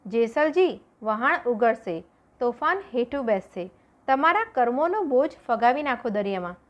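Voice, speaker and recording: A woman voicing a calm, devout woman who firmly reassures a frightened man during a storm at sea. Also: fairly high pitch, normal speed, muffled recording. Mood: reassuring. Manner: calm, firm.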